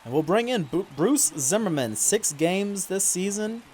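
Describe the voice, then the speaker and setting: A man giving casual play-by-play commentary over his video game, mostly relaxed and now and then complaining loudly about calls. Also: high-pitched, measured pace, slight background noise. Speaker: gaming YouTuber.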